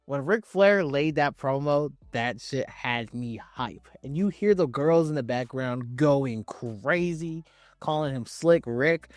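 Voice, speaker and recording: A man's voice: medium pitch, dry recording. A man hosting a countdown video with casual, opinionated commentary, speaking emphatically in slang with swearing and repeating phrases for stress. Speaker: video host ranking wrestling promos.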